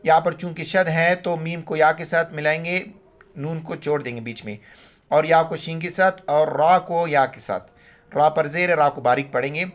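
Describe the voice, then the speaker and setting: A man teaching Quran reading, spelling out letters and vowel marks syllable by syllable, then chanting each verse slowly and drawn out, with quick spoken explanations in between. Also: on the high side. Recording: muffled lo-fi home recording.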